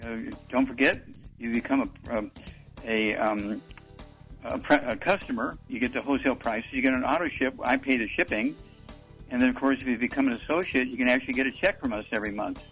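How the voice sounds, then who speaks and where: A man's voice: medium pitch, fairly quick, a bit bright, muffled recording, soft background music. A man hosting a call-in radio advice show, blunt and dismissive, often interrupting callers. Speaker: radio talk show host.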